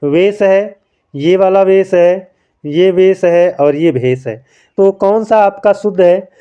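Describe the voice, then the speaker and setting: A man teaches a spelling quiz and walks through each answer slowly, asking a question and then giving the answer himself. His voice is smooth and mellow, and a little high for a man. The recording sounds dull and lo-fi. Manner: explains patiently, keeps calling listeners friends; writes by hand while talking. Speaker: Hindi grammar teacher.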